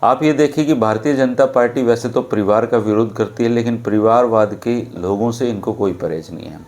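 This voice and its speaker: A man's voice: medium pitch, moderate pace, darkish tone. A man hosting a political talk show, speaking sarcastically and addressing viewers directly. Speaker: host. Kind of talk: political commentary and discussion.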